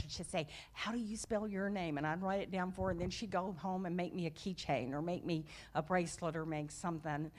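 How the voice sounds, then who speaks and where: A woman from the church sharing memories at a memorial service, speaking in a simple, tender way. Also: fairly low pitch. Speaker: church member giving a tribute. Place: church sanctuary.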